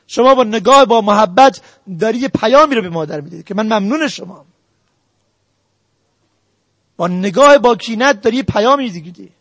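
Guy preaching a sermon, really high voice, urging the crowd, numbered points, dry mic. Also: lively intonation, fairly bright tone, no room sound. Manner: earnest, exhorting the audience directly. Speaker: religious lecturer. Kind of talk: sermon on family ethics.

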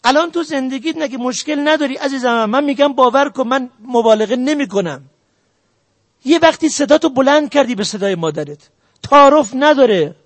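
A man's voice: very high voice, animated, no room sound. A man giving a religious talk on family ethics, earnestly exhorting his listeners and laying out his points one by one. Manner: earnest, exhorting the audience directly. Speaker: religious lecturer.

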